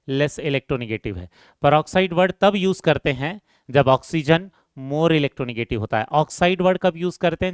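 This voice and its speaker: With a smooth, resonant voice pitched a little high, a male chemistry teacher questions his class and answers for them, repeating the key terms along the way. The sound is dry and close-miked, with no room echo.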